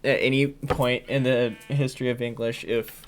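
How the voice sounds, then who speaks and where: A man's voice: mid-range voice, steady tone, normal speed, soft background music. A man giving casual gameplay commentary at home, rambling with many fillers and restarts. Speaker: gaming commentator. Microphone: headset or desk mic while wearing headphones.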